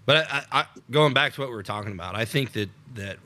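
A man's voice: medium pitch, lively intonation, fast, sharp tone, a little hiss or hum. An American man co-hosting an unscripted political podcast, rambling with many repeated starts and laughs. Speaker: podcast co-host.

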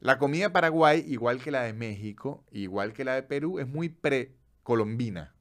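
Un hombre venezolano con acento venezolano, presentador de podcast, contando datos en charla informal y pausada a ratos. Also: male voice, medium pitch, lively intonation, a bit bright. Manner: chatty storyteller, slows down to list facts. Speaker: podcast host. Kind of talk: casual chat.

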